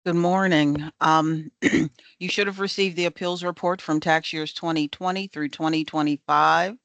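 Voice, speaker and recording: A staffer delivers a formal report to a board, measured and matter-of-fact. The voice sits at a middle pitch with very little movement, in a dry, close sound. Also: fairly even intonation, fairly bright tone, no room sound.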